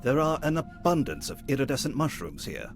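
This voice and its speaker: A lively cave adventure narrator. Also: male voice, medium pitch, brisk. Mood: descriptive. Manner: descriptive, storybook delivery. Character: calm male narrator describing cave rooms. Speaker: game narrator. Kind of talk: scripted game narration. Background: game music.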